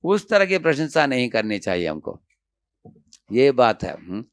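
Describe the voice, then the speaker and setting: A man's voice: medium pitch, sing-song, unhurried, dry recording. A man giving a devotional seminar talk in Hindi, telling stories with acted quotes and often checking in with his listeners. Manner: storytelling with acted quotes, frequent "haan?" checks. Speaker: devotional speaker. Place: seminar hall with audience.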